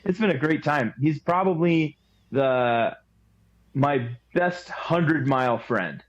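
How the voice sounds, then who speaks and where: On a muffled recording, a man co-hosting a podcast chats casually with friends, his voice a little high and his intonation lively. He talks slowly, telling stories in a laid-back, joking manner.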